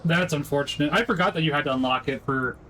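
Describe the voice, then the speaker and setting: A man's voice: on the high side, quick pace, a bit bright, slight background noise. A man giving casual live commentary as he streams a video game.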